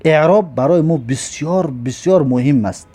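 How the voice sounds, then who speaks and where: A man teaching an Arabic grammar lesson. He patiently repeats each example word slowly, then explains it step by step. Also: on the high side, mellow.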